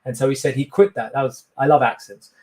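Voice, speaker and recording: This middle-aged coach speaks fast with a medium pitch, fairly even intonation and a darkish tone. As the guest in a casual interview, he tells his story in a rambling, enthusiastic way.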